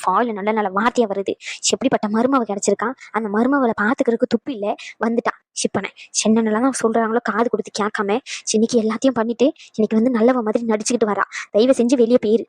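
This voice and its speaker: A woman's voice: on the high side, fairly even intonation, fast, no room sound, pitched below the performer's own voice, lightly acted. A woman doing a nagging mother-in-law. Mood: scolding. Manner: sharp, nagging, sarcastic. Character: scolding older village mother-in-law. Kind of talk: cartoon voice acting.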